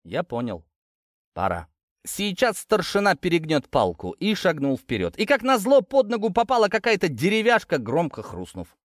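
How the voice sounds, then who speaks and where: A man reads a first-person story aloud with tense, dramatic delivery. His voice rises and falls in a very animated way. It is recorded close on a studio mic, completely dry. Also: high-pitched, normal speed, no echo. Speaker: audiobook narrator. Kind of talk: first-person scripted narration.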